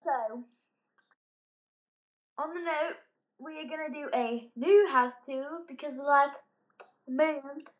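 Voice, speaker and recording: This low-quality recording captures a child vlogger's house tour, shot on a handheld phone indoors after dark. Her voice is high and slow with frequent pauses, and her chatter is playful and rambling, punctuated by abrupt exclamations.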